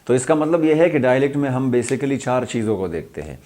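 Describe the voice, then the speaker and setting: A man's voice: mid-range voice, very animated, mellow. A young adult man from Pakistan, an English lecturer explaining a lesson, repeating points and mixing in English terms.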